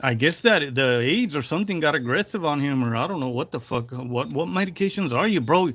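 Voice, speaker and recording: A man's voice: on the high side, expressive, fairly quick, fairly bright tone, no room sound. A man in his forties ranting on a livestream, heated and profane, slipping in Spanish phrases. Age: 40s. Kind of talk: angry livestream rant.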